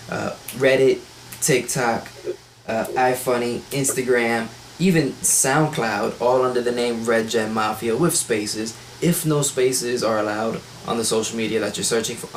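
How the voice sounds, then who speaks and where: A man's voice: mid-range voice, a little hiss or hum. A man hosting a casual podcast chat over a voice call, blunt and wisecracking as he runs the show. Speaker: podcast host. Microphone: voice call microphone.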